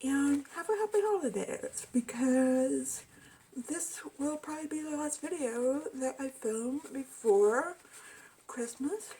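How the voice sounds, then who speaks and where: A woman's voice: sits high, expressive, slow, warm tone, poor audio. A woman beauty vlogger chatting casually as she reviews her monthly makeup bag, hesitant and full of fillers. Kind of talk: casual product review chat.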